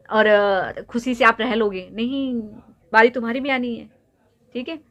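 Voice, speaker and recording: A young woman vlogger lecturing and scolding someone directly to camera, repeatedly pressing her points home with rhetorical questions. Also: on the high side. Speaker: YouTube vlogger. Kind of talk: direct-to-camera opinion rant.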